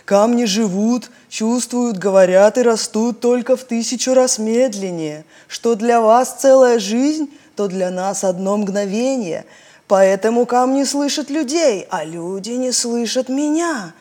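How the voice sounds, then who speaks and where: A woman voicing an ancient, brooding male stone island monster, speaking slowly in a low, hollow voice. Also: mellow. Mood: ominous.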